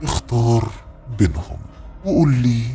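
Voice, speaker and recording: A man's voice: medium pitch, animated, faint music behind, voice pushed down, natural voice. A man voicing a sinister disembodied male spirit that whispers cruel commands into the listener's ear. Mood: menacing. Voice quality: dark, husky, whispered into the ear. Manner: slow, menacing, commanding.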